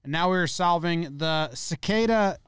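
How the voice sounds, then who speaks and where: A man's voice: on the high side, unhurried, a bit bright, smooth, no room sound, studio quality. A man co-hosting a comedy history podcast, chatting jokily and reading notes aloud. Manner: jokey, self-deprecating, reads notes aloud. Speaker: podcast co-host.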